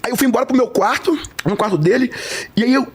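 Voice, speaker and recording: A man with a Brazilian Portuguese accent tells his testimony at a breathless speed. His voice is gravelly and husky, a little higher than most men's, and he acts out each voice in the story as he goes. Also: quick pace. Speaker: podcast guest.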